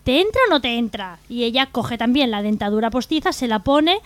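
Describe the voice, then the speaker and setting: A young woman co-hosting a community radio humor show, telling jokes in a brisk, matter-of-fact way. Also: on the high side, expressive, no echo.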